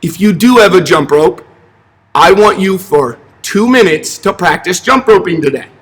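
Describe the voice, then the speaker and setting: A man's voice: high voice, lively intonation, moderate pace, fairly bright tone. Young man, children's fitness instructor, encouraging, simple short directions, long gym reverb, distant camera mic. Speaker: elementary physical education teacher. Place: large empty indoor school gymnasium. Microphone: camera a few steps away.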